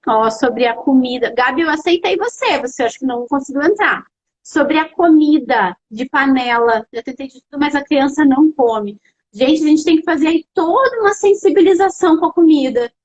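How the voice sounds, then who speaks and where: A young adult woman with a Brazilian accent hosting a live stream as an educational psychologist, explaining parenting tips to viewers in an animated, direct way. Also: high-pitched, moderate pace, lo-fi sound. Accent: Brazilian Portuguese. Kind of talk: casual live-stream advice talk.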